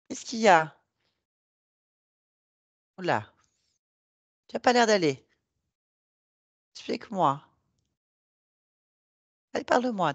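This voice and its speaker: A woman hypnotherapist guiding a hypnosis session, coaxing and reassuring with gentle repetition. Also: mid-range voice, husky, no echo.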